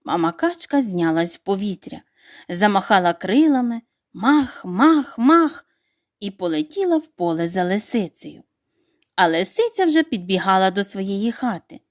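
A woman narrating a children's bedtime story in an expressive, animated reading voice. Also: mid-range voice, unhurried, no echo, studio quality.

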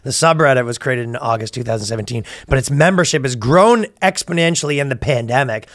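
A man in his thirties hosts a comedy podcast from a small studio, riffing casually and profanely and acting out imagined dialogue. His mid-range voice is animated, quick and a bit bright, captured in studio quality with no echo by a close mic on a boom arm.

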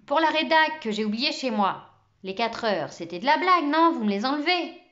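A woman voicing a bold, brilliant schoolboy who talks in a bright, cheeky, eager way. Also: high voice, lively intonation, normal speed, dull audio, voice pushed up.

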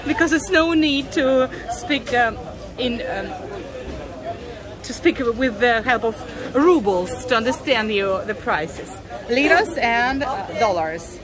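A Russian woman with a Russian accent vlogging while walking through a fish market, chatting with sellers in halting English with many fillers. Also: on the high side, expressive. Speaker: travel vlogger. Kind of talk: casual walking vlog. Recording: busy crowded market in the background. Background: market crowd.

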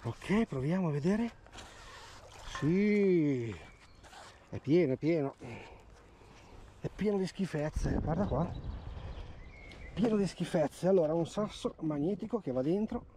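A man magnet fishing along a river, narrating his finds in an excited, chatty vlog voice. He sits a bit high in pitch with a mellow, darker tone. He keeps repeating words as objects come up out of the water, and there is faint outdoor noise underneath. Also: measured pace, long pauses. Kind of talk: casual outdoor vlog commentary.

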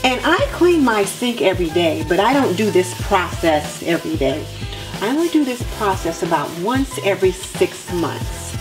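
A woman in her home kitchen, walking viewers through cleaning her sink step by step in a relaxed, practical way. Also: medium pitch, normal speed. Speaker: homemaking vlogger. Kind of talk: cleaning tutorial narration. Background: background music.

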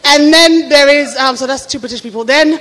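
A woman's voice: sits high, brisk, fairly bright tone. A woman comedian on stage at a live event, playful and chatty as she introduces characters. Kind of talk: live stand-up character showcase. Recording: live hall reverb.

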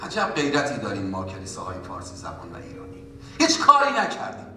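A man preaching a sermon as a pastor, in an impassioned way that rises to loud exhortation. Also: medium pitch, wildly swooping pitch, music in the background. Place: church. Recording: echoey church hall from far off.

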